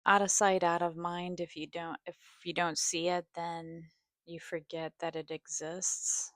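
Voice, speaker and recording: A woman vlogging in a rambling, personal way, halting and hesitant, with vocal fry and a sometimes scratchy voice. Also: fairly low pitch, little pitch movement, fairly bright tone, no echo. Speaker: video host. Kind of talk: rambling personal vlog, partly reading a study aloud.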